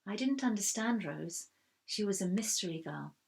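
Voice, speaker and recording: A woman reading a first-person children's story aloud in a steady, expressive way. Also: mid-range voice, normal speed, creaky. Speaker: reader.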